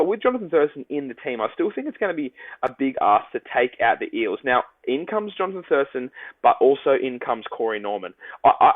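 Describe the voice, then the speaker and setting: A young man hosting a solo sports-betting podcast, talking rapid-fire like an auctioneer. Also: mid-range voice, dry recording. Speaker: podcast host, sports tipster. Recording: dry, phone-like lo-fi audio.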